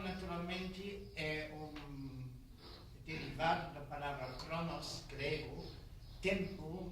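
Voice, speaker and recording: An unhurried man with a rather high voice gives a lecture, choosing his words slowly and carefully. The sound comes from an old worn cassette tape, with a strong echo from the room around him. His voice reaches the mic from far off. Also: a bit bright. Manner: deliberate, defines terms and repeats them carefully. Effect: old worn cassette tape recording. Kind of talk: lecture on music terminology.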